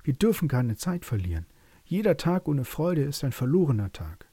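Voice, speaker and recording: A man doing a squeaky, eager little mouse. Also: sing-song, dark tone, slightly rough, no echo. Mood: urgent. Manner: squeaky, insistent, rushed pleading. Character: brave tiny female field mouse, eager and urgent. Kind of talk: bedtime story voice acting.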